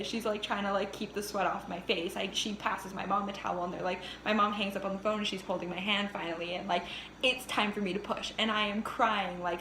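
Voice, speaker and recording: A young woman vlogger telling a casual storytime, animated and often laughing. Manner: animated, laughing often, cursing, pitch jumps when reliving the pain. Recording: echoey room with faint hiss.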